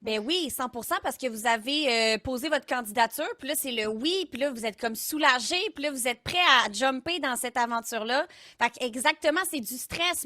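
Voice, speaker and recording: A woman hosts a stream in a high, bright voice. She is upbeat and keeps cheering her guests on. The sound is dry and close. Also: dry recording. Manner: upbeat, encouraging. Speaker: host, streamer. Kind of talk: hosting a live stream.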